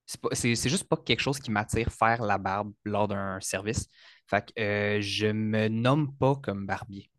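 Low-voiced Quebec man in his thirties. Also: measured pace, dry recording, studio quality. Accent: Quebec French. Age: 30s. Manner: relaxed, hesitant with fillers. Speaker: hairstylist guest. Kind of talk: casual interview.

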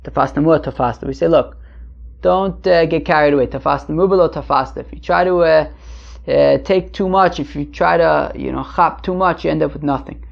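Male teacher, conversational and halting, gravelly voice, explaining religious text; dull lo-fi sound. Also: on the high side. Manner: conversational, halting, asking and answering his own questions. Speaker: Talmud teacher. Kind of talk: informal Talmud lesson, translating as he goes. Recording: muffled lo-fi recording.

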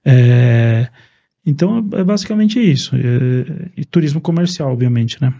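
A man from Paraguay, a Spanish speaker, chatting calmly and in a measured way as an interview guest. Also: mid-range voice, lo-fi sound. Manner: calm, measured speech. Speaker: podcast guest, neurosurgeon. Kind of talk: casual interview talk.

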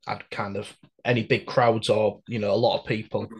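A man's voice: fairly low pitch, flat delivery, moderate pace, breathy edge. A British man in casual conversation, talking in a hesitant, reflective way as he interviews a guest.

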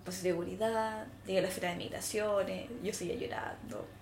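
A woman's voice: medium pitch, fairly even intonation, brisk, a little mellow, slight background noise. A young woman with a Chilean accent, co-hosting a podcast and telling a story in casual chat, acting out quoted dialogue and swearing casually. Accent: Chilean Spanish. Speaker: podcast co-host. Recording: echoey room.

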